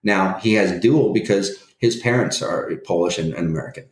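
A man's voice: sits low, moderate pace, roomy sound. A man in his forties, a guest in a casual interview, telling his life story with many restarts and hesitations. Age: 40s.

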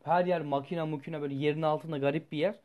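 A young man, a student, telling a personal story in a rambling, animated way and swearing freely. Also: a little high, quick pace, dull audio. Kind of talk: casual storytelling vlog.

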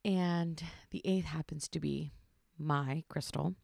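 Thirty-ish mom podcaster rambling quietly at home, bit of vocal fry, dry close sound. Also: female voice, deep voice, fairly even intonation, takes it slowly, no echo. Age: 30s. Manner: chatty, rambling, many fillers; hushed, trying not to be loud. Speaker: podcast host. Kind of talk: casual solo podcast monologue. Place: home at night.

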